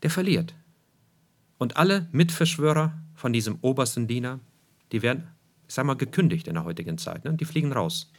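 Preaching emphatically, this man circles back to key phrases and poses rhetorical questions to the congregation. His pitch ranges widely, rising to high, forceful moments and falling to low, quiet ones, with lively intonation at a fairly quick pace.

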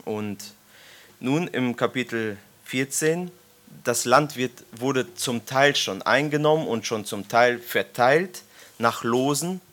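A preacher in his thirties leads a Bible study for his congregation, reading scripture aloud and joking with listeners through questions in an informal sermon. His voice is mid-range and a bit bright.

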